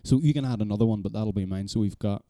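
Guy rambling on a podcast, self-deprecating, swears a bit, dark mellow tone. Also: fairly low pitch, fast, no room sound. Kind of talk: casual chat.

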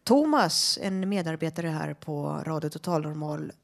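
A woman hosting a community radio show introduces the next contributor. Her voice is very low and gravelly. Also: lively intonation. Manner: announcing, introducing the next item. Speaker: radio host.

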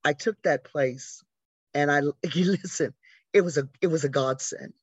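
A woman in her sixties from the American South, guesting on an interview and telling stories in a lively way, acting out the people she quotes. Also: sits low, unhurried, breathy edge, no room sound. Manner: animated storyteller who acts out quoted voices. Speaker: interview guest, arts educator. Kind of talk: conversational storytelling. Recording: dry, slightly dull lo-fi audio.

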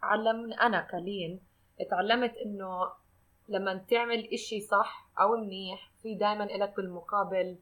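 A woman co-hosting a casual podcast. She talks quickly at a middling pitch, reflecting aloud and stopping to gather her thoughts. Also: fairly even intonation, a bit bright. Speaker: podcast co-host.

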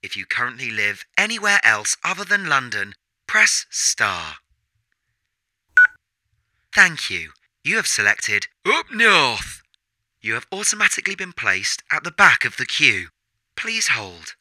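A man voicing a smug automated phone menu for a comedy sketch, sounding flat and patronizing. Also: medium pitch, measured pace, exaggerated voice. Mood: mock polite.

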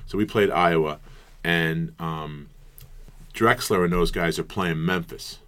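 A middle-aged man, a former college basketball player, telling stories as a guest in an interview and acting out the quotes with lively energy. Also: low voice, slow pace. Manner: animated storyteller, acts out quotes loudly. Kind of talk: storytelling interview chat.

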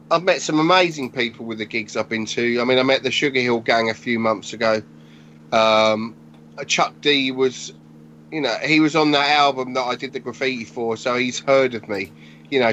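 A man in his forties, a graffiti artist guest on a podcast, telling stories in casual chat with animated energy and casual swearing. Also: mid-range voice, slight background noise. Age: 40s. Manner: animated storytelling, swears freely. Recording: dull lo-fi podcast audio.

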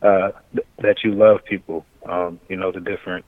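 A man calling in to a casual chat over a muffled remote line that breaks up, talking in a halting way and searching for words. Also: deep voice, level tone, no room sound. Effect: muffled remote call line, audio breaking up. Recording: dull lo-fi dry call audio.

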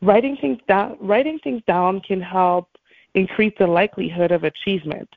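A woman's voice: mid-range voice, normal speed, vocal fry, no room sound. A woman speaking as a morning show host, giving an encouraging motivational talk and addressing her listeners directly, over a call line. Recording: thin phone-like call audio.

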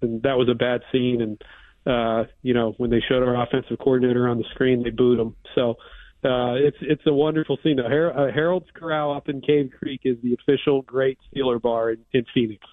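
A man's voice: mid-range voice, steady tone, fairly quick, no room sound. A man's voice arrives over a remote satellite hookup, thin and narrow like a phone call, with a dry, close sound. He is a Pittsburgh-raised athletics official chatting easily as a radio guest, leaning on "you know" as he talks. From Pittsburgh, USA. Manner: easygoing, many "you know" fillers. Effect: remote satellite line, phone-like sound. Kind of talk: casual radio interview. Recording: tinny remote phone-like line.

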